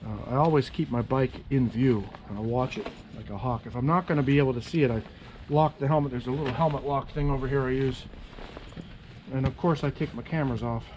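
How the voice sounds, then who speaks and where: A man's voice: mid-range voice, brisk, a little mellow, lo-fi sound, slight background noise. A man casually talking through his motorcycle camera setup outdoors, chatting to himself as he fiddles with gear. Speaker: motovlogger.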